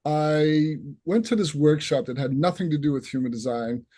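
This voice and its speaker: On a video call for an online open house, a man from the northeastern United States with a Boston accent introduces himself as an instructor and earnestly tells his story. His voice is fairly high and mellow, at a normal speed.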